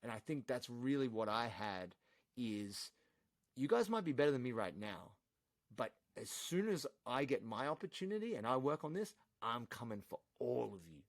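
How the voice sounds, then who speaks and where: An Australian man, a podcast guest, chatting casually and telling animated, swear-laced stories. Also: mid-range voice, normal speed, dry recording. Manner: animated storyteller, swears freely.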